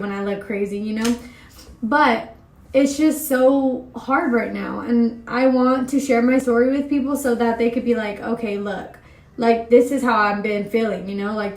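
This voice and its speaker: A woman's voice: a little high, a little mellow, reverberant. A young woman from California in a candid confessional vlog, talking openly and from the heart to her viewers. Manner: open, heartfelt, talks straight to viewers. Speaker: vlogger.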